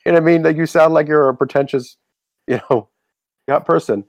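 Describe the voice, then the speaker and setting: A man's voice: a little high, fairly even intonation, brisk, no room sound. A man hosting a podcast, chatting casually and rambling with lots of restarts. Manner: rambling, self-correcting, many fillers. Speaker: podcast host. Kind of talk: casual chat.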